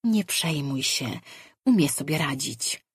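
A narrator voicing a calm female weaver who reassures a companion in an audiobook. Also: mid-range voice, takes it slowly, slightly rough, dry recording, studio quality, heavily acted. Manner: soft, soothing.

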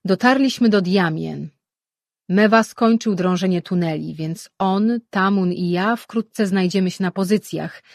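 A woman's voice: medium pitch, unhurried, creaky, no echo, studio quality. Woman voicing a firm male sorcerer. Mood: steady. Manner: firm, decisive. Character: confident male dream-linked sorcerer.

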